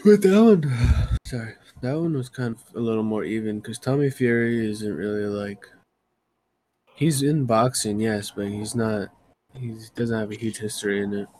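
Mellow young man with bro slang. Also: on the low side, steady tone, normal speed, low-quality recording. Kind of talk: casual podcast chat.

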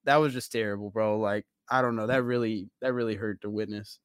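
A man's voice: on the low side, a little fast, clean tone, no echo. Young male podcast host, dry close sound. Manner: laughing, animated banter. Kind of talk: casual chat.

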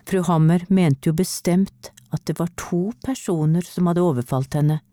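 A woman reading a children's storybook aloud in a clear, steady way. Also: fairly low pitch, no echo, studio quality. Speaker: narrator.

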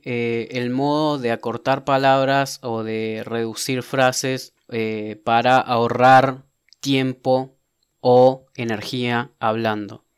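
A young man from Comodoro Rivadavia speaks Argentine Patagonian Spanish in a casual monologue, playfully explaining local slang as a host. He talks fast and drops his S sounds, his mid-range voice smooth on a dry recording.

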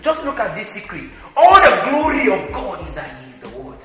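High-pitched, fiery preacher in an echoey room. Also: male voice, big pitch swings, brisk, faint music behind. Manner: shouts bursts of speaking in tongues and laughs; voices God in the first person. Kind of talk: charismatic sermon.

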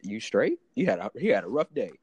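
A man's voice: on the low side, big pitch swings, rapid-fire, a little mellow, breathy edge, no echo. A man with an American accent in casual, slangy, profane co-host chat, joking around. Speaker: podcast co-host.

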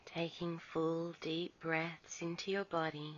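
Slow, soothing woman guiding meditation. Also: sits low, level tone. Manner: soft, slow, soothing delivery. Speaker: meditation guide. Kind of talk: guided relaxation meditation. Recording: dull lo-fi recording.

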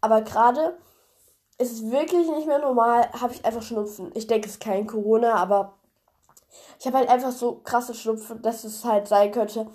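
A young woman with a stuffy cold hosts a podcast, retelling a fairy tale in a chatty, rambling way full of fillers, her voice nasal and congested. She speaks at a moderate pace in a somewhat high, slightly mellow voice.

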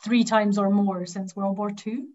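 A woman from the Highlands of Scotland with a Highland Scottish accent, chatting casually as a runner in an interview and thinking aloud. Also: flat delivery, a little slow, a little mellow, muffled recording. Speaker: cross country runner being interviewed.

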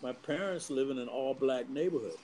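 Middle-aged man, mid-range voice, from the East Coast; reflective, measured storyteller as interview guest. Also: medium pitch, warm tone, a little hiss or hum, poor audio. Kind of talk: casual conversation, personal storytelling.

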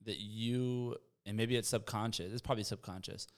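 A man's voice: lowish voice, steady tone, normal speed. A man chatting casually, teasing and arguing his point. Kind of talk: casual group chat.

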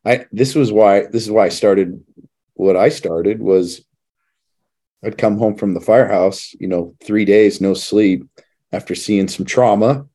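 A man's voice: fairly low pitch, a little slow, dark tone. A man in his thirties, a former firefighter and father, speaking candidly and from the heart as a podcast guest. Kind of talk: reflective casual chat.

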